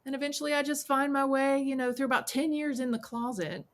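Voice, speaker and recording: A woman in her forties, a podcast guest, telling her story in a relaxed chat and acting out the voices of people she quotes. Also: sits high, fast. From South Carolina, US. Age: 40s. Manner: animated storyteller who acts out quoted voices. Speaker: podcast guest, witch and priestess. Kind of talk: casual storytelling interview.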